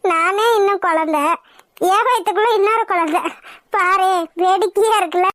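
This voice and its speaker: A woman's voice: very high voice, moderate pace, fairly bright tone, no room sound, clean studio sound. A woman voicing a cheerful, chatty young newly married village woman in a cartoon. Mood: amused. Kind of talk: cartoon voice acting.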